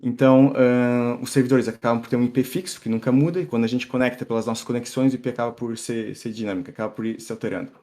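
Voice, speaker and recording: A middle-aged man from São Paulo with an accent mixing Brazilian and European Portuguese, giving a relaxed live-coding talk full of fillers and restarts. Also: mid-range voice, fast talker, few pauses. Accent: mixed Brazilian and European Portuguese. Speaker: tech meetup speaker.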